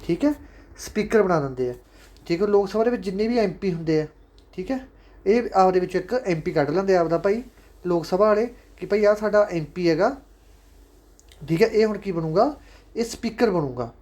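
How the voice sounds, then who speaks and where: Animated and brisk, this high-pitched man with a darkish tone and a Punjabi accent gives a casual online lecture for exam prep. He's talkative and fatherly, refers to the students as "sons," and repeats important points constantly.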